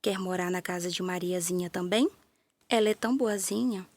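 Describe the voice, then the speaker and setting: A woman's voice: fairly low pitch, moderate pace, a little mellow. A woman voicing a kind Brazilian greengrocer. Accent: Brazilian Portuguese. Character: kind male greengrocer, gentle and caring.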